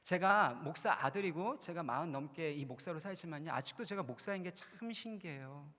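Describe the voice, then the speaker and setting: A man's voice: on the high side, animated, moderate pace, pushed and bright. Man preaching in an echoing hall. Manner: conversational storytelling, earnest, building to emphatic points. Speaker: pastor. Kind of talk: sermon at a youth retreat. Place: large church hall. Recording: long reverb in a large hall.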